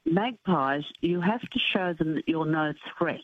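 A woman's voice: sits low, a little slow, dry recording. An Australian woman in her seventies with missing front teeth, calling in to a radio show and sharing stories and advice in a firm, matter-of-fact way. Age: 70s. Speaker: radio phone-in caller. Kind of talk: casual anecdotes and advice. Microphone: telephone. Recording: dull, muffled phone call.

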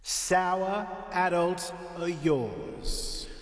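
A male radio host reading a clue in a booming voice with added reverb, slow and drawn out. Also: expressive, full character voice. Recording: heavy artificial reverb, echoey hall sound.

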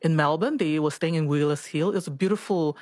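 A woman's voice: deep voice, brisk, darkish tone, no echo, clean studio sound. A woman, a doctor telling her life story in an interview, chatty and reflective, often laughing and repeating words. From Singapore.

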